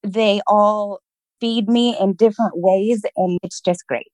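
A woman's voice: medium pitch, steady tone, measured pace, darkish tone, dry recording, low-quality recording. Cheerful woman guest, dry close sound. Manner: cheerful, positive, laughs often. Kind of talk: casual interview chat.

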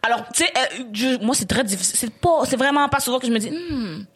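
A Québécois woman hosts a casual podcast chat and rattles through an animated story at a quick clip. Her voice sits a little high, and she laughs often as she talks. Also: breathy edge. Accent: Québécois French. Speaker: podcast host.

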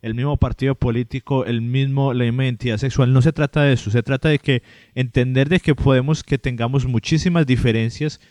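Colombian male co-host, medium pitch, calm reflective chat, dry close sound. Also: a little fast, dry recording. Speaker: podcast co-host. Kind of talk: casual chat.

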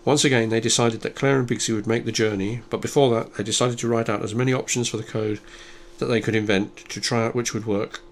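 A man reading a thriller as scripted narration, measured and even, lightly voicing the dialogue. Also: medium pitch, a little hiss or hum. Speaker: audiobook narrator.

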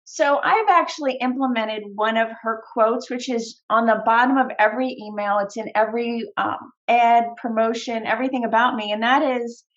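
A woman guest on a podcast, talking earnestly and warmly with occasional "um" fillers. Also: fairly high pitch, steady tone, normal speed, few pauses, dull audio. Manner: earnest and heartfelt, with hesitant fillers. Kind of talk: conversational interview answers.

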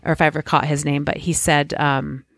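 A woman's voice: sits low, little pitch movement, a little fast, a bit bright, no echo, clean studio sound. A woman co-hosting a podcast in casual chat, telling stories with chatty restarts and trailing sentences. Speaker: podcast co-host.

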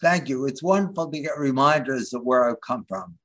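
A man from the Philadelphia area, a guest in an interview, speaking haltingly with many restarts as he searches for words. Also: mid-range voice, animated, a bit bright. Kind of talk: interview conversation.

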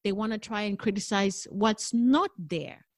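In studio-quality audio with no room sound, a middle-aged jazz singer from South Africa, who learned English as an additional language, gives a conversational interview. Her medium-pitched voice has lively intonation and a measured pace, and she sounds thoughtful and candid, laughing easily.

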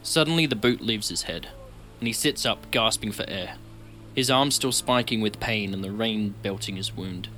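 Guy narrating a fantasy game, lowish voice, bright, faint music. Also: moderate pace. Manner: steady, descriptive storytelling. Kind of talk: dramatic story narration.

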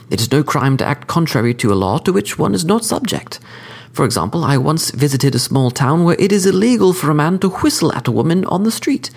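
A man voicing a sophisticated male killer who speaks with cordial, precise, lecturing calm. The figure's voice sits well above the man's own voice. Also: on the high side, vocal fry, pitched above the performer's own voice, exaggerated voice. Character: suave cordial male hitman, smug, sophisticated.

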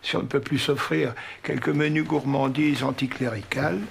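Creaky, hammy, scornful old philosopher. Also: male voice, mid-range voice, fairly even intonation, normal speed, full character voice. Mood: sardonic. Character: Voltaire, caustic old anticlerical philosopher, theatrical and scornful. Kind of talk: period film drama acting.

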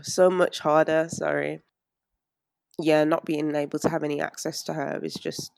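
A woman, an interview guest talking anxiously in a halting way with many fillers and restarts. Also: low voice, creaky, darkish tone, dry recording, studio quality. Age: 20s. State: anxious and strained. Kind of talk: emotional interview.

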